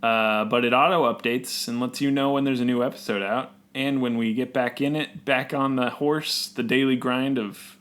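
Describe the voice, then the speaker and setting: A man's voice: medium pitch, fairly even intonation, normal speed, few pauses, fairly bright tone. A young man co-hosting a podcast, chatting casually and playfully with lots of fillers. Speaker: podcast co-host. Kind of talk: casual chat.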